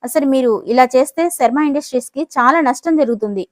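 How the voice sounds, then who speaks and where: A woman's voice: sits high, brisk, dry recording, clean studio sound, natural voice. Woman voicing an indignant angry CEO. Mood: angry, pushy. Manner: loud, indignant. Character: angry, pushy middle-aged company CEO.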